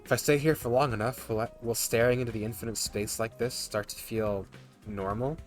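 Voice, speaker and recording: A man's voice: mid-range voice, steady tone, a little fast. A man streaming a game, reading its text aloud and commenting casually with joking asides. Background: game music.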